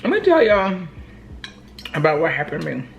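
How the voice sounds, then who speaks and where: Low-pitched American woman telling a rambling story. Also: huge pitch swings, normal speed, vocal fry, a little hiss or hum. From Oakland, California, United States. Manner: rambling, conversational, acts out reported dialogue. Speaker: vlogger telling a personal story. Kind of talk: casual storytime chat to camera.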